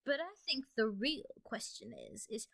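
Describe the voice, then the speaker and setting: A woman's voice: fairly high pitch, expressive, unhurried, fairly bright tone, full character voice. A woman voicing a friendly, curious male cat in a fan audio play.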